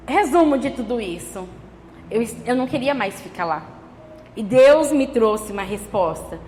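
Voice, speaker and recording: A woman pastor with a Brazilian Portuguese accent preaching a sermon with personal testimony. She moves between hushed storytelling and fervent exhortation. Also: fairly high pitch. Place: large church hall. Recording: reverberant church hall, faint noise.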